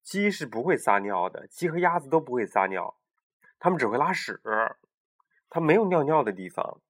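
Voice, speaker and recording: A man in his thirties reads a bedtime storybook aloud to his child, stopping for gentle explaining asides. His voice sits a little high for a man and moves through a wide, lively range of pitch. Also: normal speed. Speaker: father reading to his child.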